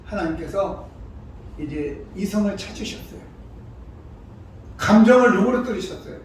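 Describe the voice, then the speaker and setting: A man gives a sermon in a high, lifted voice, hammering home his points with sudden loud surges. The church sanctuary booms with long echo, and the mic sits far from him. A faint hiss lies under the recording. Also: animated, moderate pace. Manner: emphatic, acts out quoted voices with sudden loud rises. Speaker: pastor. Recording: very echoey hall, mic far off, faint background noise.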